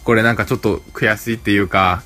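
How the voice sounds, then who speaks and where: A man's voice: lowish voice, steady tone, fast talker, sharp tone, soft background music. A man co-hosting a podcast in casual chat, telling a story and quoting a phone call. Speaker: podcast co-host.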